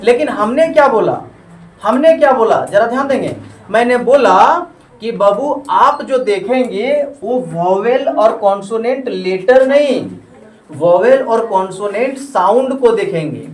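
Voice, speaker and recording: Speaking unhurriedly in a high, lively voice, this man teaches English grammar to a class, repeatedly posing questions and stopping mid-sentence so the students can complete his thoughts. The lesson takes place in a coaching classroom, picked up from afar in a spacious room while students chatter and call out answers.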